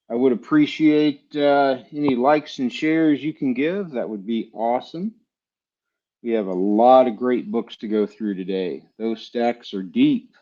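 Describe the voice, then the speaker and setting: A relaxed, chatty man from Texas runs a live-streamed comic book sale, his voice sitting at an ordinary middle pitch. He talks casually and loosely, with plenty of ums and uhs. The audio sounds a little dull and muffled. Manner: relaxed, chatty, many fillers.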